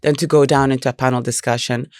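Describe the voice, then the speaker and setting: A woman's voice: very deep voice, fairly even intonation, fast talker, darkish tone, clean tone, no echo, studio quality. A woman speaking as a guest in an interview, explaining her work thoughtfully and expressively at length. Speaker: guest, speaker agency founder. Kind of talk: interview conversation.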